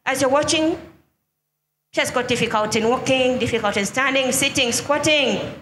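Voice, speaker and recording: A high, bright woman gives live commentary at a church service. She reads a medical report aloud and proclaims to the congregation. Her voice rings through an echoey hall with music in the background. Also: normal speed, slight background noise. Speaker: ministry commentator. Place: large hall with crowd and music.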